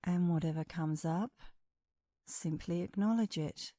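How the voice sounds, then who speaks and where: Here a woman instructor talks listeners through a guided meditation, her lowish voice calm, soothing and measured, broken by long pauses. The studio-quality recording carries no room sound.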